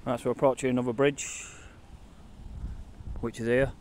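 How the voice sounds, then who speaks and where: Holding his phone at arm's length, a man who vlogs paranormal exploration gives rambling, casual commentary while walking a countryside footpath. His mid-range voice barely shifts in pitch and keeps a moderate pace, and the recording is very noisy. He talks matter-of-factly, with casual swearing.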